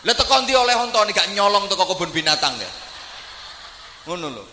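A male preacher with a high, piercingly bright voice delivers a humorous sermon, moving between playful jokes and loud, fervent declamation. He sounds very animated and brisk, his words ringing with long reverb through a large hall over faint room ambience and slight background noise.

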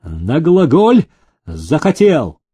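A man voicing a stern army major who shouts at his prisoners. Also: a little high, huge pitch swings, drawn-out words, slightly rough, dry recording, exaggerated voice. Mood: angry. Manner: barking, harsh.

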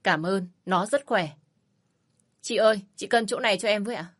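A woman voicing a fiery, fed-up divorced young mother who talks sharp and scornful and shouts in anger in a storybook reading. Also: medium pitch, normal speed, lightly acted. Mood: cold. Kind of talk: storybook narration.

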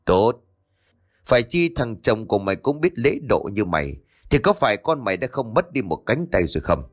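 A man's voice: fairly low pitch, very animated, moderate pace. A man voicing a cruel, hot-tempered male neighbor who snarls threats, in a spoken ghost story. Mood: menacing.

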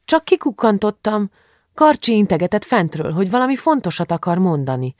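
A reader voicing a curious, impatient teenage girl in an audiobook, raising the pitch and sounding eager and pleading. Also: very animated, no room sound, clean studio sound, lightly acted. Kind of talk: audiobook character voice.

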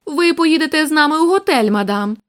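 A woman reading the part of a shrewd elderly male detective who speaks in a calm, firm way. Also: sits high, brisk, pitched above the performer's own voice. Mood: measured.

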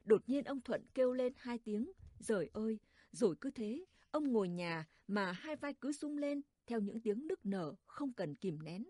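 A woman narrating a village story in a soft, measured, sorrowful manner. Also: a little high, lively intonation, no room sound, clean studio sound. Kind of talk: audiobook narration.

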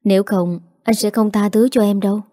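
Give me a woman doing a calm dying young man in an audio story, quiet and gentle. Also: mid-range voice, a little fast, no echo, clean studio sound, close to an everyday voice.

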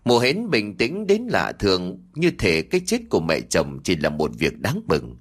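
A man's voice: deep voice, normal speed. A man narrating a scripted horror folk tale, telling it expressively and voicing the dialogue. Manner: lively, expressive storytelling with acted dialogue. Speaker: storyteller.

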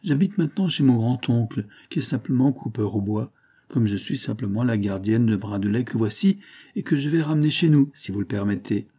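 A man's voice: medium pitch, a little fast, close to an everyday voice. A man voicing a spirited young country woman with city schooling who speaks boldly and playfully. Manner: lively, bold, playful. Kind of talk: audiobook character reading.

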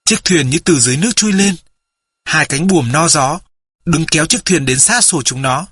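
Husky bright male audiobook narrator. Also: fairly high pitch, normal speed, no echo. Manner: steady storytelling.

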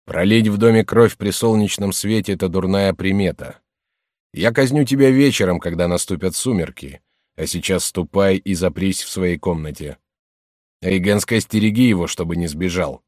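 A man's voice: deep voice, moderate pace, dry recording, studio quality, natural voice. A man reading an audiobook and voicing a stern male samurai master who barks commands at his servants. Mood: cold. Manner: commanding, shouting orders.

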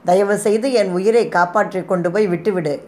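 Lady reading a scared young woman, anxious, keeps begging, a bit higher. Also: steady tone, a little fast, dark tone, close to an everyday voice. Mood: pleading. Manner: pleading, anxious. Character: frightened young woman, pleading, timid.

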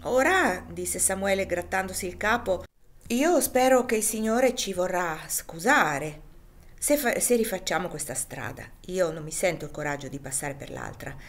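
A woman's voice: on the low side, animated, normal speed. A woman reading aloud who voices a mischievous servant, gleeful and mocking. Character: mischievous laughing servant man.

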